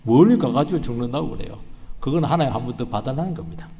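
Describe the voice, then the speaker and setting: A man's voice: medium pitch, animated, fast, vocal fry, mellow, in a large hall. A man preaching a sermon as pastor, dramatic, acting out quoted voices and building to emphatic peaks. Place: church sanctuary.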